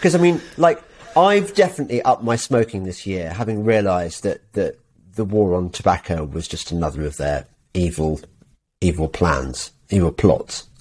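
A man's voice: low voice, lively intonation, moderate pace, darkish tone. An English man hosting a podcast, reading an advert and chatting with a jokey, sarcastic manner. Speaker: podcast host. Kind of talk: casual chat and read advert. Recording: roomy echo.

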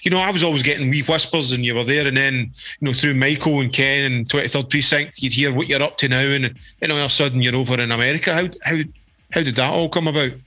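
A man's voice: mid-range voice, fast talker, pushed and bright. A man hosting a casual interview, asking his guest familiar, eager questions. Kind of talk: casual chat.

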